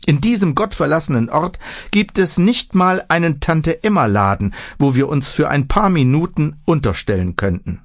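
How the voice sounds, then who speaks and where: A man's voice: fairly high pitch, expressive, moderate pace, no echo. Whiny young woman hiker, grumbly, dry close storybook read, man doing her. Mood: grumbling. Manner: complaining, whiny. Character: fussy young woman pilgrim, sensitive and grumbling.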